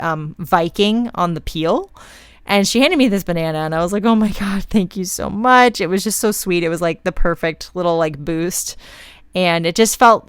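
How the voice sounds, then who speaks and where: A young woman recounting her own story on her podcast in a casual, chatty manner, full of "like"s. Her voice is low-set and smooth. The sound is close and dry, with no room behind it. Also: no echo. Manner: casual and chatty, many fillers like "like". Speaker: podcast host. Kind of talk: personal storytelling.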